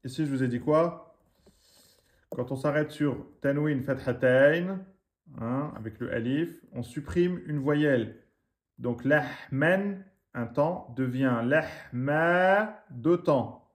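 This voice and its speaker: Slow-drilling male reading teacher. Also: medium pitch, darkish tone. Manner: slow careful drilling of syllables, quick asides between. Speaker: Arabic teacher. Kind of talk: recorded reading lesson.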